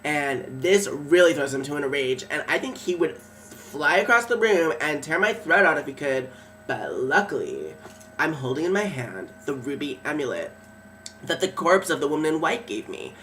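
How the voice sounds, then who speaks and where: A man's voice: a little high, big pitch swings, normal speed, pushed and bright, far from the mic, slight background noise. A man hosting a web series in character, telling a dramatic story in a breathless, gossipy way full of fillers.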